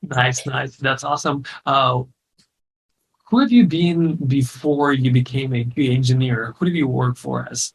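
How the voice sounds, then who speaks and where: A man's voice: medium pitch, measured pace, gravelly, slight background noise. A man hosting a casual online interview, upbeat and chatty, laughing easily. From came to the US in 2009. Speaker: host and course founder.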